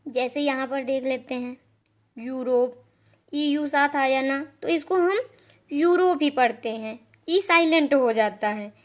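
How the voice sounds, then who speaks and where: Slow, patient high-voiced woman teacher. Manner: patient, repeats each rule and spells out examples. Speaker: English pronunciation teacher. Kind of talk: slow classroom-style explanation.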